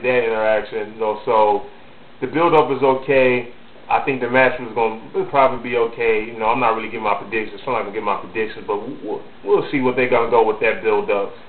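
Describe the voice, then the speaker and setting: A man giving his opinions in a casual vlog, rambling and stuttering, filling gaps with "you know". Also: medium pitch. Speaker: wrestling vlogger. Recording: echoey, phone-like lo-fi sound.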